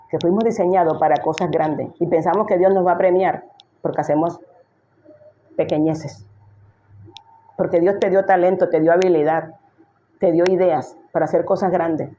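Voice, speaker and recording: A woman's voice: on the low side, warm tone, highs cut off, a little hiss or hum. A woman pastor giving an emphatic sermon, full of rhetorical questions she answers herself.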